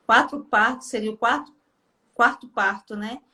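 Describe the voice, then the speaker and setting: Bright Brazilian woman host, empathetic. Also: on the high side, normal speed. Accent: Brazilian Portuguese. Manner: empathetic, affirming. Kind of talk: casual interview chat.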